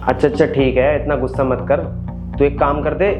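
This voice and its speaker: A man's voice: mid-range voice, level tone, a little fast, over music, lightly acted. A man playing a suspicious male house servant who keeps questioning and accusing the maid.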